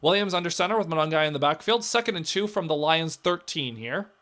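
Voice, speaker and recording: Reacting to the game as it happens, a hoarse young man calls casual play-by-play in a raspy, cracking voice, expressive and fast, shifting from loud calls down to low mutters.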